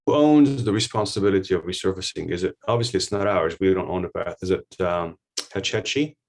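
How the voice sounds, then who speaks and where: A man's voice: sits low, brisk. A man commissioner asking stumbling questions with lots of uh at a public meeting.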